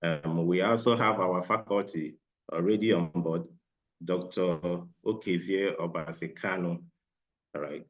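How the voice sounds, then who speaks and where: A man's voice: low voice, steady tone, unhurried. A man with a Nigerian accent moderating a medical webinar, hesitant with frequent fillers. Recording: dull lo-fi webinar audio.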